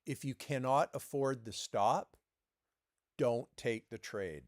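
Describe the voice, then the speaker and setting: A man's voice: medium pitch, takes it slowly, no echo, clean studio sound. A man streaming live trading commentary, coaching viewers in an emphatic way and repeating words as he presses his points.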